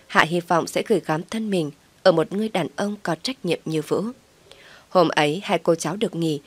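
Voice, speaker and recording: A woman narrating a story in a calm, steady storytelling manner. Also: lowish voice, dry recording.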